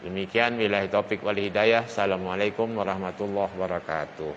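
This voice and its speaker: A man's voice: on the low side, steady tone, fairly quick, in a large hall, dull audio, noisy background. A male preacher giving an evening religious study lecture, speaking straight to his listeners with emphatic storytelling. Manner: addresses the audience directly, emphatic storytelling. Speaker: Islamic preacher.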